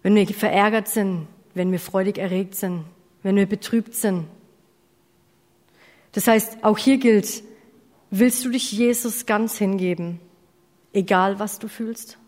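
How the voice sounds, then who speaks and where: A woman's voice: medium pitch, fairly even intonation, slow, long pauses, darkish tone. Woman giving a sermon, earnest, asks the congregation stuff, long echo off a church hall. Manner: earnest, addresses listeners directly with questions; self-correcting, apologizes for slips. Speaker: preacher.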